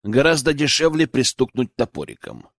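Male audiobook narrator: expressive first-person reading, dry studio sound. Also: mid-range voice, moderate pace, no room sound.

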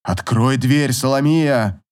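A man voicing a forceful young husband who talks insistently and out of breath. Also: medium pitch, slow pace, natural voice. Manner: demanding, breathless.

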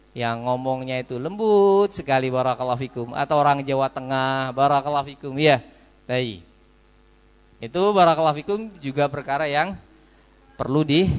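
A man's voice: medium pitch, smooth. A man giving a study lecture in a mosque, repeating a blessing phrase between sentences and asking and answering his own questions. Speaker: Islamic teacher. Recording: long reverb of a mosque hall.

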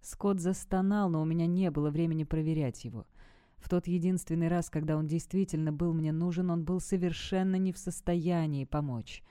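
Woman audiobook narrator, low and mellow, tense first-person storytelling, close mic. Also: steady tone, a little fast, clear, resonant tone, no echo.

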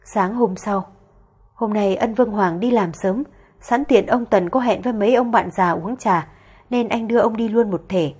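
A woman narrating a story in a steady, even storytelling manner. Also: mid-range voice, normal speed, breathy edge.

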